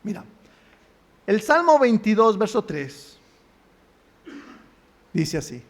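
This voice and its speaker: High-voiced Mexican pastor preaching. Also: male voice, very animated, slow. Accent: Mexican Spanish. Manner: asks the congregation questions and answers them himself. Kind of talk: sermon. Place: church.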